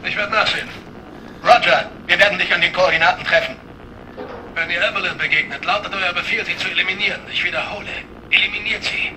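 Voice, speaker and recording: A businesslike soldier barks clipped orders over a two-way radio. The voice sits high for a man and comes from far off, with heavy hiss around it. He reports with flat military brevity. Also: quick pace. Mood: terse. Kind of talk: dubbed video game dialogue. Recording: distant noisy radio chatter.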